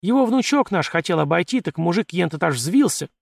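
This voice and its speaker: Guy doing a shrieky bossy village auntie, rustic talk, gravelly, dry audiobook sound. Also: expressive, brisk, no echo, full character voice. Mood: gossiping. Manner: shrill, bossy, rustic speech. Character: loud scolding middle-aged village woman. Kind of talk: audiobook character reading.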